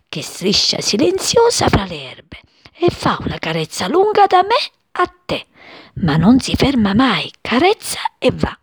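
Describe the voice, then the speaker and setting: A woman's voice: breathy edge, no echo, heavily acted. Woman voicing Margherì, a shy little daisy. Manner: soft, timid and high. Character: shy little female daisy flower, lonely and gentle.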